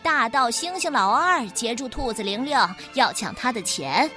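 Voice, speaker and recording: A woman voicing a cheeky young monkey who teases and talks fast, in a children's story. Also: a little high, big pitch swings, pushed and bright, soft background music. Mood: teasing. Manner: fast, teasing.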